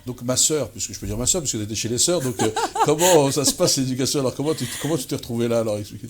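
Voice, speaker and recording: A man hosting an interview show, chatty and quick, often repeating words. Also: medium pitch, a little hiss or hum. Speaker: show host. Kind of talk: casual interview conversation.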